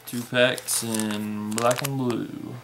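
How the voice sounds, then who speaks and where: A young man casually unboxing fishing tackle at a table indoors, unhurried, naming each item as he opens it. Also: medium pitch, fairly even intonation, music in the background. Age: young adult. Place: indoor room at a table with plants. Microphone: camera in front at table distance.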